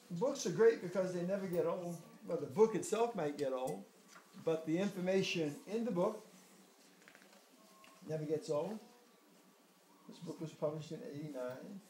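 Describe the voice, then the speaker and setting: An older man reading aloud to children in an expressive, unhurried storytelling manner, with friendly asides to his listeners. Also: on the high side. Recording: echoey room, distant mic, faint noise.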